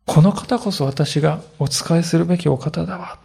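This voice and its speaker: A man delivers a sermon as a pastor, with a somewhat high voice roughened by gravelly fry. His storytelling is earnest and animated. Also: moderate pace.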